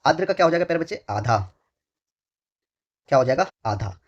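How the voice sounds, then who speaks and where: A man's voice: fairly high pitch, very animated, fairly quick. Repetitive man drilling exam answers. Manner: drills by asking a question and answering it himself; repeats phrases several times. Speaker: Hindi exam tutor. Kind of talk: online exam-prep lesson. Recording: dull lo-fi recording.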